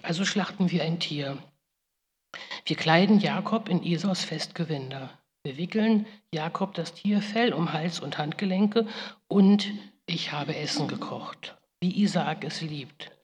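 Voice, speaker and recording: Speaking in a low, somewhat dark tone, a woman portrays Rebekka, the guilt-stricken mother from the Bible. Her grave monologue in the first person bursts into pleas now and then, resounding in a vast hall.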